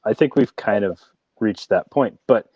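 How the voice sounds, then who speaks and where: A man's voice: lowish voice, unhurried, dark tone, slightly rough, no echo, muffled recording. A man hosting a casual interview, encouraging and rambling, who often ends his points with "right?". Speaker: podcast host.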